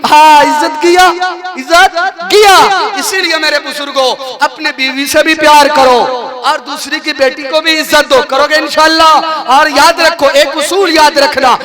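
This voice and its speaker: High-voiced preacher telling a comic tale. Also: male voice. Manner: animated storyteller, shouting punchlines. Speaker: maulana preacher. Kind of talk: jalsa sermon with comic storytelling. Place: outdoor religious gathering with crowd.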